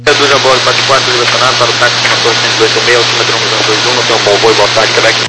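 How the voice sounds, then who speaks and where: A man with a Brazilian accent working as an air traffic controller, reading clearances in clipped radio phraseology over a two-way aviation radio. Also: mid-range voice, level tone, racing. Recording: loud static on a radio channel.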